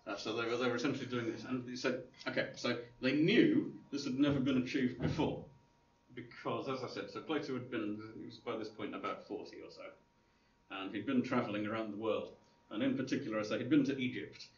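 A man with a mid-range voice talks fairly quickly, giving a rambling, informal classroom lecture full of fillers and restarts, seasoned with dry humor. The lo-fi recording is dull, roomy, and distant, with faint hiss.

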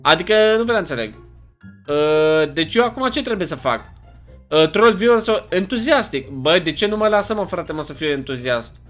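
A man's voice: fairly high pitch, faint music behind. A young man with a Romanian accent, chatty and jokey, giving casual commentary while playing a video game. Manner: chatty, animated, jokey, often puzzled and exclaiming. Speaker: gaming YouTuber.

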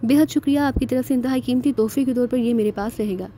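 A man's voice: very high voice, fast, dark tone, slight background noise. A woman voicing a clever male secret agent who asks questions in a polite, innocent-seeming way. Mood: inquisitive.

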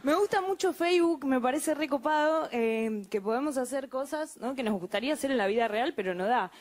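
High-voiced Argentine woman comic. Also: animated, brisk, a little mellow. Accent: Argentine Spanish. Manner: wry, conversational asides, frequent laughs. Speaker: stand-up comedian. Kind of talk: stand-up routine.

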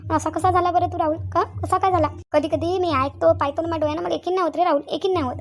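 A woman with a Vidarbha Marathi accent voicing a middle-aged village aunt in a cartoon, scolding loudly and repeating herself. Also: extremely high pitch, steady tone, fast talker. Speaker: aunt Shanta. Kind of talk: cartoon dialogue acting.

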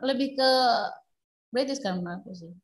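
A woman's voice: a little high, fairly quick. A woman in casual chat, giving short agreeing replies and asking curious questions. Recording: echoey room with faint hiss.

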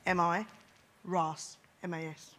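A woman's voice: on the low side, flat delivery, slow, fairly bright tone, a little hiss or hum. A woman joking around as a panel show guest, in a playful, laughing, emphatic way. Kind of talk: jokey panel show banter.

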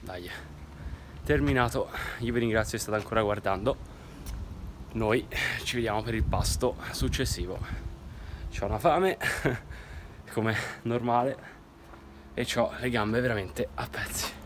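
A man's voice: mid-range voice, a little slow, slight background noise. A young man in his twenties talking casually to viewers in a fitness vlog, filmed on a handheld phone. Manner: upbeat, addresses viewers directly. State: out of breath after running. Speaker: fitness vlogger. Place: parked car, then outdoors on a street, then a kitchen. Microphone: phone camera at arm's length.

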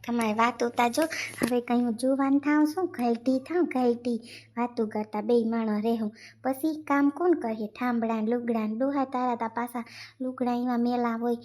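A woman's voice: fairly high pitch, fairly even intonation, normal speed, a little mellow, close to an everyday voice. A woman doing a grumbling old cartoon mother. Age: older. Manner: complaining, scolding. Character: elderly grumbling mother, worn out by housework. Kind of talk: cartoon family drama.

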